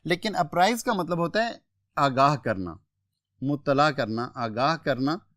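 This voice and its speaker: A man with a Pakistani accent explains English words for exam candidates at a measured pace, running through synonyms one by one. His voice is a little high and fairly bright with lively intonation, in a dry, studio-quality recording.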